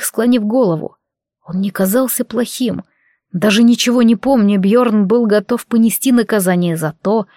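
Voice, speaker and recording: A woman reading a fantasy audiobook aloud in steady scripted narration. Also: medium pitch, dry recording, clean studio sound.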